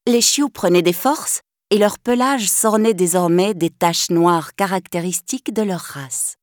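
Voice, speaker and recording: A woman narrating a children's storybook in a clear, gently expressive reading. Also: lowish voice, a little slow, dry recording, studio quality.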